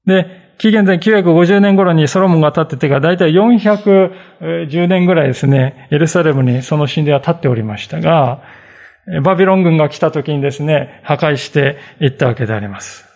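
A man's voice: a little high, a little fast, a little mellow. A male pastor giving a conversational sermon, reading scripture and explaining it with frequent fillers and asides.

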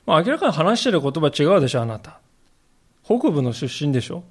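A man's voice: on the high side, sing-song, brisk, slightly rough. A male pastor giving a sermon in a conversational storytelling way, acting out the quoted lines.

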